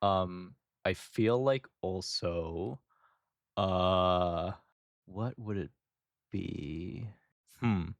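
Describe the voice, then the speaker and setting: A man with a low voice talks slowly and with hesitation, thinking aloud with lots of fillers. He co-hosts a casual podcast. The sound is dry and close to the mic. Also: no echo. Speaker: podcast co-host. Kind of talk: casual chat.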